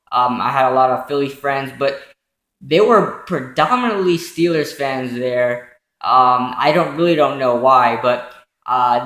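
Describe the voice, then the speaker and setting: Young male home vlogger, halting and filler-heavy, mid-pitched, echoey room sound. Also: fairly bright tone. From New York, raised in Pennsylvania. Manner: halting, many ums and self-corrections. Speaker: football vlogger recapping playoffs. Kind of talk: casual solo commentary from notes.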